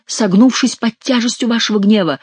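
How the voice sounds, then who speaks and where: A woman voicing a frightened male king who speaks in hushed, fearful whispers. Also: on the high side, fairly quick, slightly rough, dry recording, pitched above the performer's own voice.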